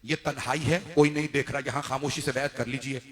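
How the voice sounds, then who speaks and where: A man's voice: mid-range voice, fairly even intonation, fairly quick, long reverb tail. A male preacher telling a mourning story in a sermon, speaking straight to the gathering and swelling into wailing calls. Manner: addresses the gathering directly.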